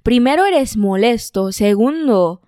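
A woman's voice: a little high, lively intonation, takes it slowly, mellow, no room sound, clean studio sound. A woman doing a scornful Argentine-Spanish mix. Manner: blunt insults in a mixed put-on accent. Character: woman mixing Argentine and Spanish accents, insulting someone.

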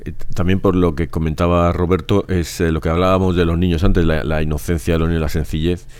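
A man's voice: deep voice, level tone, quick pace, darkish tone, smooth. A man in a religious discussion, reflective, who often interjects with short remarks. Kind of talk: casual devotional discussion.

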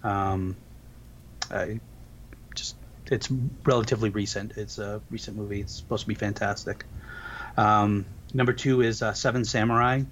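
A man's voice: on the low side, little pitch movement, moderate pace, long pauses, a bit bright, highs cut off, a little hiss or hum. Hesitant male podcast co-host. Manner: hesitant, full of ums and uhs. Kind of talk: casual podcast chat.

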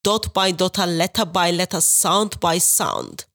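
A woman from Turkey with a Turkish accent, Turkish her first language, telling her story as a guest over a video call in an earnest, measured way. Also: lowish voice, big pitch swings, fairly bright tone. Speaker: guest, street preacher. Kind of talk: interview, personal account.

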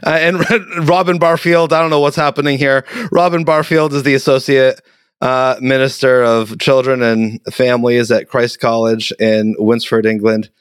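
Man, boston accent, podcast host, smooth clear voice, dry close sound, chatty. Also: medium pitch, level tone, moderate pace, no room sound. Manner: chatty, self-deprecating. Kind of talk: casual interview. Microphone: video call.

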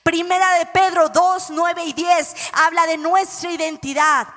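Woman preacher, high voice, animated and joking, reverberant hall. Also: measured pace. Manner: animated, playful, acts out Bible scenes and jokes with the audience. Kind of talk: sermon.

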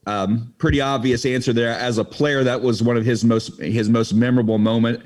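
A man speaks at an average pitch as a podcast co-host. His style is casual and conversational. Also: fairly even intonation, fairly quick, darkish tone. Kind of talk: casual chat.

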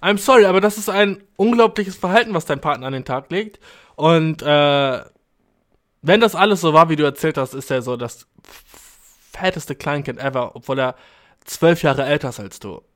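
Guy hosting a chatty podcast, slangy, swears a lot, kinda high voice, gets loud and animated. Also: moderate pace. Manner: slangy, mixes in English words, lots of fillers and swearing; animated, jumps into high exclamations. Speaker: podcast host answering listener mail. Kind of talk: casual chat.

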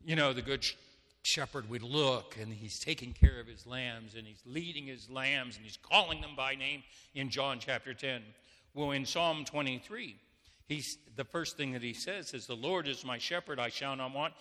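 A man's voice: mid-range voice, normal speed, a bit bright. Older man, pastor, sermon, conversational, homely anecdotes, ringing church reverb. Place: church sanctuary.

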